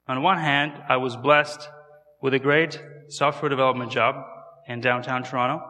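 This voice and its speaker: Speaking with a pushed, bright, medium-pitched voice in a big-sounding room, a thirtyish man from Kazakhstan delivers a conversational guest sermon at church. The missionary carries a Kazakh accent and puts questions to his listeners.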